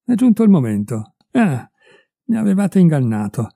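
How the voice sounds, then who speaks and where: A furious, betrayed middle-aged husband, put on by a male reader hurls accusations at his wife and her lover. His voice climbs with anger over a very dark, mellow base. The storybook recording is dry and close. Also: a little high, sing-song, normal speed, creaky, no echo, voice pushed up, full character voice. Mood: furious, accusing. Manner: raised, heated and accusing.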